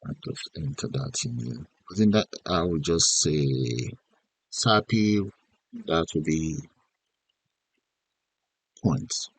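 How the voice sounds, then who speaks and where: A man giving an unscripted software tutorial as an instructor, thinking aloud in short instructional fragments. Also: a bass voice, expressive, takes it slowly, long pauses, no room sound. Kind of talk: unscripted step-by-step screen tutorial narration.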